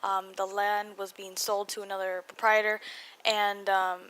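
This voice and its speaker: A young woman with an American accent and a mid-pitched voice chats through a personal voice-over for a video blog. Her words come out a little muffled, as if around braces. She rambles, cuts herself off and drops in self-mocking asides. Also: level tone, measured pace, a bit bright, clear, resonant tone. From California, United States. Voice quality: slightly muffled articulation from braces. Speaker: video blogger. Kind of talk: casual chatty voice-over storytelling.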